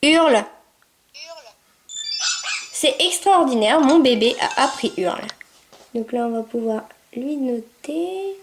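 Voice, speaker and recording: Chatty woman, high voice, excitable gameplay commentary that slips into cooing and barked commands. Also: a little slow, noisy background. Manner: chatty, excitable, coos at her puppy. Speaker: gameplay video maker.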